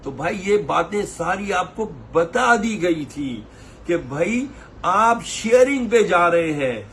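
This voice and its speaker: High-voiced scolding man giving pilgrimage advice. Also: animated, fairly bright tone, slight background noise. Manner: scolding, preachy, mimics complaining pilgrims. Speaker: umrah tour operator giving advice. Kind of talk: advice talk to camera.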